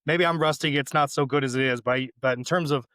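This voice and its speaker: A man's voice: medium pitch, fairly even intonation, fast talker, fairly bright tone, dry recording. A man co-hosting a podcast, telling rambling, self-deprecating stories in casual chat. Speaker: podcast co-host.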